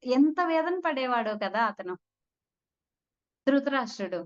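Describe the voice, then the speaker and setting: A woman's voice: sits high, lively intonation, measured pace, dull audio. A woman giving a storytelling spiritual talk, speaking conversationally and addressing her listeners as friends. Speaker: spiritual teacher.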